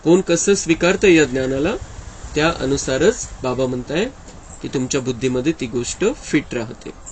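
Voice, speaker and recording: A man with a medium-pitched voice speaks at a moderate pace in an earnest devotional discourse, explaining the daily teaching and often quoting his teacher. The recording is rough, with a little hiss or hum.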